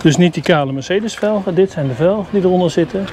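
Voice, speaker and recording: A vlogger who reviews campers talks fast in a high voice with a darkish tone as he casually walks through a motorhome at a product show. He's chatty and upbeat, grumbling mildly, and the camera audio is noisy.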